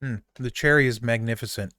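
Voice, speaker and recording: A man talks through a relaxed podcast chat, eagerly praising what he is tasting. His voice sits at an ordinary middle pitch. The recording is dry and close. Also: a little fast, no echo. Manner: chatty, gushes over candy while chewing. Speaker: podcast host.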